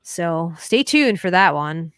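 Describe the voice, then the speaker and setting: A woman's voice: fairly low pitch, lively intonation, takes it slowly, smooth, no room sound, studio quality. A woman with a New York accent hosting a casual livestream, teasing her co-hosts in slangy banter. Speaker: host.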